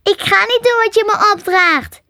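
A tiny, dramatic male squirrel that squeaks and whimpers in a very high voice, as a woman reads him out. He sounds forever put-upon in this storybook reading, with a close, dry sound. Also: normal speed, bright, forceful tone, no room sound, full character voice. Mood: whiny.

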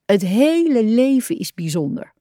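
A woman voicing a calm, wise male rat who is a traveller. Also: on the high side, unhurried, no room sound, studio quality, voice pushed up. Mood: warm.

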